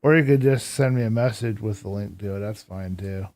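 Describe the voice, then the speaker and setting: This hoarse man, with a fairly low voice and a brisk delivery, plays a game on stream and chats informally with viewers, answering their messages in a laid-back, reflective way.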